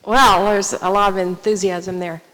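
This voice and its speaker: A woman in the audience putting a measured question to a speaker. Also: mid-range voice, flat delivery, a bit bright. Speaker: audience member asking a question. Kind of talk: question at a live talk. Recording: long hall reverb.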